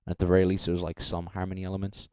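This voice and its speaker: A man's voice: low-pitched, completely flat delivery, racing, dark tone, no echo. A young man casually commenting on a live stream, rambling, correcting himself and swearing freely. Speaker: streamer judging beatbox entries.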